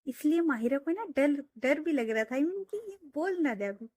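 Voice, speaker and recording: A woman's voice: sits high, animated, moderate pace, mellow, no echo. A woman telling a romance story in a casual, chatty way, full of fillers, into a close mic.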